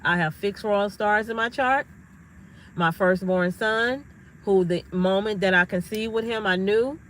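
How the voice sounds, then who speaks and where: A woman's voice: mid-range voice, measured pace, a little hiss or hum, low-quality recording. A middle-aged woman talking to her viewers in a casual, emphatic monologue, telling stories with energy. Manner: emphatic, animated storytelling. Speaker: astrology vlogger.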